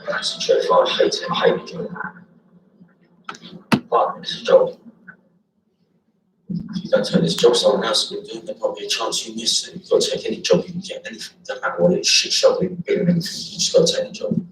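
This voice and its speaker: A man's voice: medium pitch, very animated, fairly quick, vocal fry, pauses often, reverberant, recorded from a distance, poor audio. A man in his fifties speaking bluntly and wearily in a documentary interview, with emphatic words. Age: 50s.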